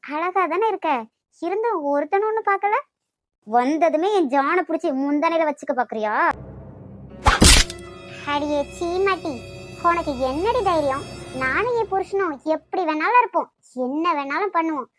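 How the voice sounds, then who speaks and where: A woman's voice: very high-pitched, animated, normal speed, long pauses, faint music behind. A woman with a Kanyakumari Tamil accent voicing a jealous young wife in a cartoon, taunting and scornful. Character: jealous scolding young wife, sharp-tongued. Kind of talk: cartoon voice acting.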